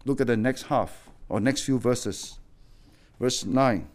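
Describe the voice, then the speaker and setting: A middle-aged man preaching a sermon as a pastor, swinging between loud exhortation and quiet, low warnings. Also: slow.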